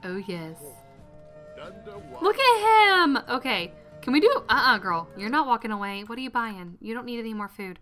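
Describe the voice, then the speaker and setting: A young woman hosting a casual gaming video, chatting excitably and urging her game character on. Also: fairly high pitch, quick pace, hardly any pauses, soft background music. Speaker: gaming channel host. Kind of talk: casual let's-play commentary.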